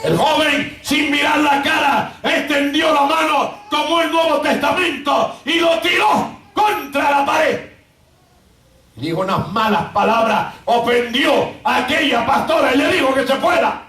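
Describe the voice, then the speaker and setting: A woman's voice: sits high, unhurried. Impassioned woman preaching in church. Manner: impassioned, often shouting emphasis. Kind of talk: evangelical sermon storytelling. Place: church sanctuary. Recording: roomy church sound from far off.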